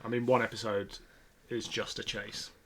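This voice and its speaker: A British man co-hosts a podcast, chatting casually about classic television sci-fi. His voice sits fairly low and comes across fairly bright, with a level tone at a normal speed.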